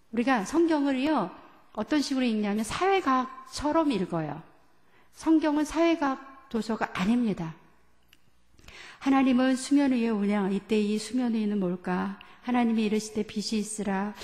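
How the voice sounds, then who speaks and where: A woman's voice: fairly high pitch, a little mellow, in a large hall. A woman pastor giving a teaching sermon, asking the congregation questions and leading them through scripture readings. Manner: asks the congregation questions and leads group reading. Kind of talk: sermon lecture. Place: church sanctuary.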